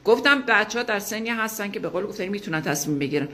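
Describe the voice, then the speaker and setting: Bright-voiced woman giving an emphatic pep talk. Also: mid-range voice, lively intonation. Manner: emphatic, with rhetorical questions to listeners. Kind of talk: motivational talk to camera.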